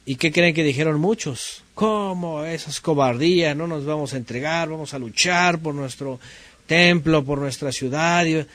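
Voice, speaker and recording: A man's voice: fairly high pitch, a bit bright, no room sound. Man teaching a Bible class. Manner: asks the class questions, rereads verses slowly with emphasis.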